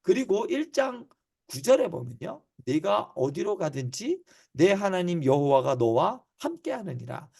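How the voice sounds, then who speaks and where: A man's voice: sits high, sing-song, measured pace, gravelly, a little mellow, slightly rough. A man preaching a teaching sermon to cell leaders, emphatic, repeating key phrases and answering his own questions. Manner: voices God's words in casual reassuring speech.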